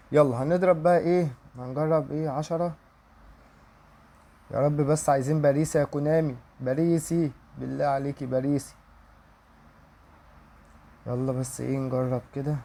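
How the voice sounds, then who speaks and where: Excitable Egyptian man opening game packs. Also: on the high side, normal speed, vocal fry, pauses often. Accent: Egyptian Arabic. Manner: pleading and excited, repeating wishes aloud. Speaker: gaming YouTuber. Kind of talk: pack-opening commentary.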